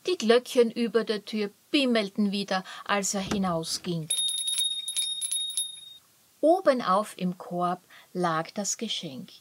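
A woman calmly reading a children's story aloud. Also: mid-range voice, slow pace, a little hiss or hum. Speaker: narrator.

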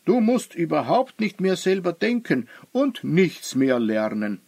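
A man playing an old, wise wizard who speaks slowly and thoughtfully in a children's story. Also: on the high side, sing-song, a little mellow, no room sound, full character voice. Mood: grave. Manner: slow, musing, grave.

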